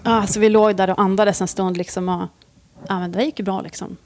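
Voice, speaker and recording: A woman, a police officer, animatedly telling a story in casual conversation and swearing freely. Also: medium pitch. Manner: lively, swears freely, acts out scenes.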